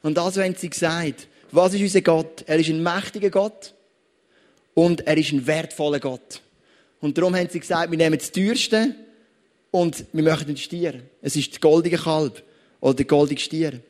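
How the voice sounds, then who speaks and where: Man, Swiss German accent, high voice, pastor, conversational sermon. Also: steady tone, moderate pace, a little mellow. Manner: conversational preaching, addresses listeners directly.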